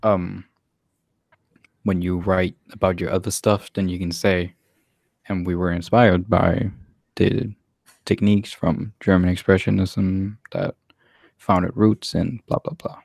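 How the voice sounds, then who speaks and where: Deep-voiced laid-back young man. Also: flat delivery, measured pace, creaky, long pauses, darkish tone, dry recording, studio quality. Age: young adult. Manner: laid-back, hesitant, many fillers. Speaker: podcast co-host. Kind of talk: casual chat.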